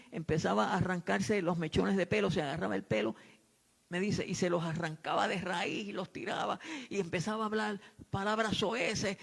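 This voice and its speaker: A male pastor preaching, telling a testimony with dramatic repetition and building to shouts. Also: high voice, vocal fry. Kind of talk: sermon with testimony storytelling.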